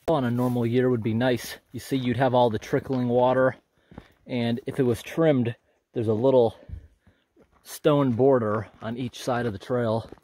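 A man with a medium-pitched voice narrates casually as he hikes a forest trail outdoors, filming the walking tour on a handheld camera. His manner is relaxed and observant, like he's thinking aloud.

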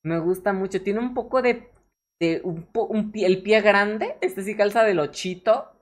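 A young woman with a Mexican accent, casually reacting to fan art on a stream, excitable and swearing freely with frequent laughs. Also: mid-range voice, unhurried. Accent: Mexican Spanish.

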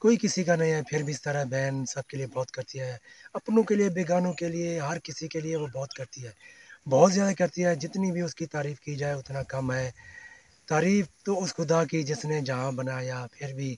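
A man's voice: on the high side, moderate pace, darkish tone, a little hiss or hum. A man talking casually to his viewers in a vlog, earnest and devout, repeating his phrases. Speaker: family vlogger. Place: outdoors among fields, then walking.

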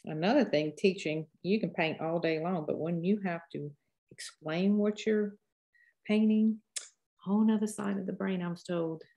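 An older woman in her sixties with a Cajun accent speaks in a fairly low voice. She gives a casual painting lesson, wandering in a folksy way from tip to tip as she thinks out loud. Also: steady tone, normal speed, lo-fi sound. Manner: rambling, folksy, thinks aloud while painting. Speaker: painting teacher. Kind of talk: casual live painting tutorial.

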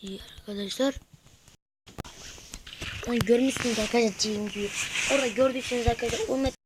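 A woman giving excitable live gameplay commentary as a YouTuber, swearing and shouting at the game, then dropping to whispers. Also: on the high side, quick pace, very noisy. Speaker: gaming YouTuber.

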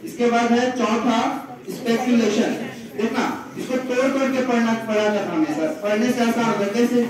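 Chhattisgarh-accented guy teaching english words, high voice, quizzes the class, far from the mic. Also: moderate pace. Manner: questions the class and repeats answers. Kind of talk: classroom vocabulary lesson. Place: large echoey classroom with students. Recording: very echoey room, distant mic, student chatter.

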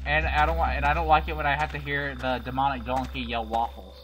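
A man's voice: mid-range voice, little pitch movement, fast, fairly bright tone, slight background noise. A man hosting a gaming video, commentating nervously, pleading and yelping while breathing hard. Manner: jittery, yelps and pleads when scared. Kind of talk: frightened gameplay commentary.

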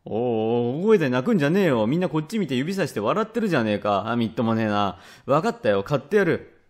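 A man voicing a rough, quick-tempered father from old Edo, speaking blunt old Edo Tokyo speech in a rakugo tale. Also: on the high side, sing-song. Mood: irritated. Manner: gruff, blunt, grumbling. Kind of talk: rakugo storytelling.

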